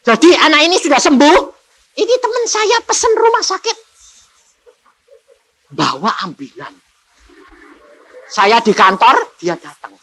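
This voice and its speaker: Evangelist preacher, high lively voice, bright tone, acts out every voice in his stories. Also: a little slow, pauses often, low-quality recording. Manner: animated, acts out voices, sudden shouts and laughs. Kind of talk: sermon with storytelling.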